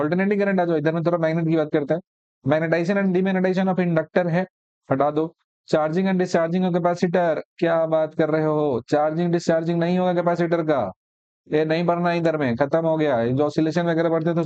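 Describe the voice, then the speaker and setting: A man's voice: a little high, darkish tone, smooth, no room sound, muffled recording. A man teaching physics for exam prep in a conversational lecture, sarcastic as he rattles off deleted topics.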